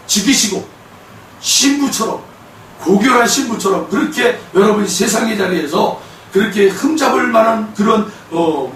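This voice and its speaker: Echoing high-voiced man preaching a sermon. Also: slight background noise. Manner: emphatic, with shouted bursts and rhetorical questions. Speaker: pastor. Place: church sanctuary. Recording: echoey hall from a distant mic.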